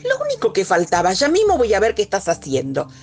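A woman's voice: medium pitch, huge pitch swings, fairly quick, faint music behind. A woman playing an exasperated, scolding mother with a Rioplatense accent. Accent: Rioplatense Spanish. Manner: stern, exasperated.

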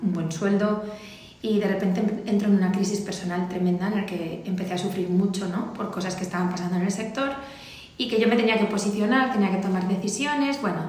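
A woman in her thirties from Valencia telling her story as a podcast guest, animated and acting out the dialogue she quotes. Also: mid-range voice. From Valencia, Spain. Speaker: guest, charity founder. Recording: very echoey room, faint ambient noise.

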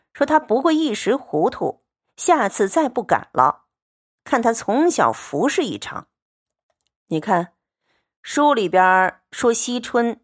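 A woman's voice: fairly high pitch, no room sound, clean studio sound. A woman giving a storytelling lecture, retelling scenes and then explaining them in plain words. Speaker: lecturer on a classic novel.

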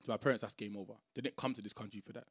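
A man's voice: lowish voice, steady tone, rapid-fire, husky, dry recording, clean studio sound. A young man with a London roadman accent, telling stories in a slangy, emphatic, sweary way in a casual group chat. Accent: London roadman, Multicultural London English.

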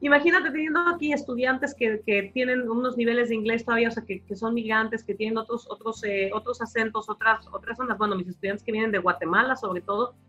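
A Mexican woman with a Mexican accent, an academic guest explaining her views in a lively conversational interview. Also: on the high side, fast talker, few pauses, muffled recording, soft background music. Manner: animated explainer, acting out quoted voices.

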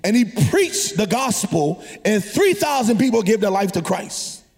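A man's voice: high voice, very animated, a little slow, darkish tone. A man preaching to a congregation in a conversational, exhorting way, often prompting listeners with questions. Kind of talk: energetic sermon to a congregation. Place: large hall, preaching to a live congregation. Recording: long hall reverb.

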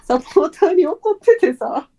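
A woman with a Kansai accent co-hosting a podcast, excitedly retelling events with little exclamations. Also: very high voice, normal speed, muffled recording. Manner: excited play-by-play retelling with sound effects. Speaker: podcast co-host. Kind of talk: casual chat.

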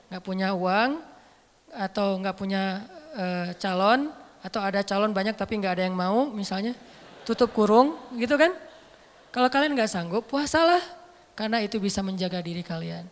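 Seorang ustadz pria menyampaikan ceramah agama dengan santai, hidup, dan penuh canda. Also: male voice, high-pitched. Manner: animated, joking, conversational. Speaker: Islamic preacher. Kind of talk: casual religious talk. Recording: roomy hall with long reverb.

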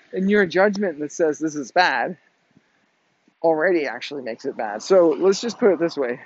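A man's voice: on the high side, lo-fi sound, a little hiss or hum. A man giving a blunt motivational monologue to his viewers outdoors, swearing freely and tagging his points with "right?". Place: outdoors in the wind.

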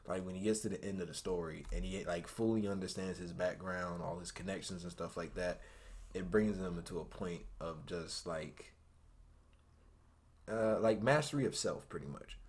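A man's voice: low voice, a little mellow. A young American man co-hosting a casual anime chat, talking in slangy, joking, teasing phrases. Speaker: podcast co-host.

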